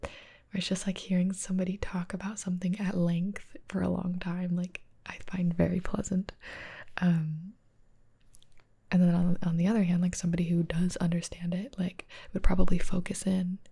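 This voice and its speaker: Brief: female ASMR reactor, soft whisper with a gravelly fry, flat even delivery, casual rambling. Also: lowish voice, moderate pace. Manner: soft whisper, chatty, many "like" fillers.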